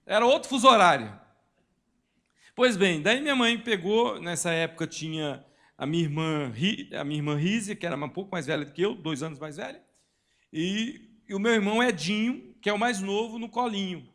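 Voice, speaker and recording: A male pastor from Brazil preaches in a church, in an animated storytelling mode. His voice sits high and sounds bright and forceful. He acts out characters and sound effects as he goes. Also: moderate pace. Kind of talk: sermon storytelling. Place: church hall.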